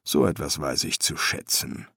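A man doing a weary, deadpan old embalmer. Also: extremely low pitch, moderate pace, gravelly, slightly rough, no echo, voice pushed down, exaggerated voice. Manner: dry, patient, deadpan. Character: weary older male master embalmer.

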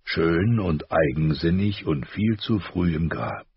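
A man voicing a grave, gentle noble father in an audiobook, slow, soft-spoken and weighty, with a husky voice. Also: deep voice, expressive, dull audio, heavily acted. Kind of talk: audiobook character voice.

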